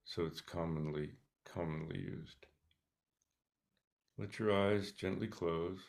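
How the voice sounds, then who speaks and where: Man, guided meditation teacher, deep voice, gravelly, slow soft calm delivery. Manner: slow, calm, soft-spoken instructions with pauses.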